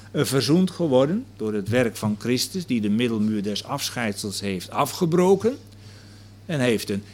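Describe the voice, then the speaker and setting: A man preaching, reading scripture aloud and explaining it verse by verse in a steady teaching tone. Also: mid-range voice. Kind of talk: Bible teaching sermon.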